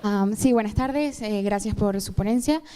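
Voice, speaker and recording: A woman's voice: mid-range voice, moderate pace, warm tone, a little hiss or hum. A young woman with a Venezuelan accent, a student asking a panel a question, hesitant with many fillers. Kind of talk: audience question.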